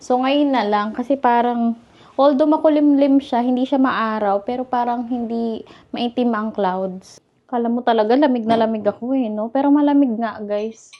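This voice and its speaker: A Filipino vlogger from the Philippines chats casually to camera while cooking in her home kitchen, often calling her viewers "guys." She has a Filipino accent and a fairly high voice at normal speed. The highs are cut off in the audio.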